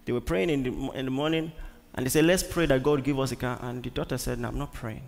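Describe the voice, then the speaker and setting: Speaking fast in a mid-range, creaky voice, a Nigerian-accented pastor delivers an emphatic sermon, repeating himself and putting questions to the congregation. The long reverb of the large church hall is audible.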